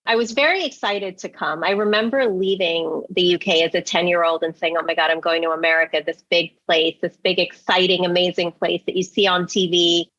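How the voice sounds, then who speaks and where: A woman's voice: on the low side, steady tone, brisk, hardly any pauses, a bit bright, dry recording, dull audio. A woman in her forties from England, a marketing executive who talks through her past candidly and reflectively as an interview guest.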